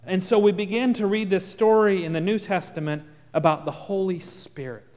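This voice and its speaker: A man with a slight Texas accent delivers a sermon from the pulpit, explaining scripture in an earnest, teacherly way. His voice sits a little high for a man, and he lets his volume rise and fall around dramatic pauses. The sound carries the long reverb of a large church sanctuary. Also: steady tone, a little mellow. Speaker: pastor.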